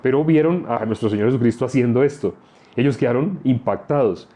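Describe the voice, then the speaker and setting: A man's voice: medium pitch, fairly quick, mellow. A male preacher giving a sermon, repeating phrases for emphasis and asking rhetorical questions.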